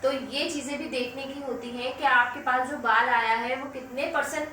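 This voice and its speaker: A woman's voice: high-pitched, fairly even intonation, moderate pace, pushed and bright. A woman beauty instructor explaining a keratin treatment step by step in a salon, speaking. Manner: explains step by step, uses examples. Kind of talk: hair treatment tutorial. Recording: echoey room, mic at distance, faint noise.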